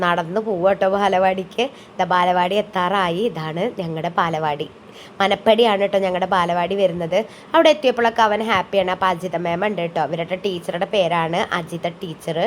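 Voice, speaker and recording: A woman's voice: medium pitch, a little hiss or hum. A woman, a mother chatting through a family vlog voice-over in a homely way. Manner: homely, chatty, tags sentences with "ട്ടോ". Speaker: vlogger and mother. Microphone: voice-over, close mic.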